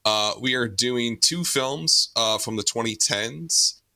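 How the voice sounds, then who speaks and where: A man hosting a casual film podcast, talking loosely with lots of fillers and quick asides. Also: mid-range voice, creaky, bright, forceful tone, dry recording. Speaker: podcast host.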